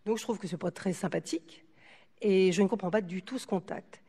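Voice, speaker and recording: A woman guest on a radio show, a medium recounting her experiences with lively quoted dialogue and frequent hesitations. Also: medium pitch, a little fast, breathy edge, long reverb tail. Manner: animated, acts out dialogue, hesitant fillers. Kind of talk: radio interview storytelling.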